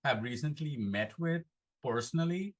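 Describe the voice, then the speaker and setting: A man talking on a group video call, explaining his approach in a steady way. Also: fairly high pitch, normal speed. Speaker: roundtable participant.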